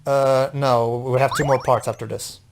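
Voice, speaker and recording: A woman's voice: rumbling low, fairly even intonation, moderate pace, noisy background. A woman hosting a video game playthrough with casual, explanatory commentary. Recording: loud game music behind.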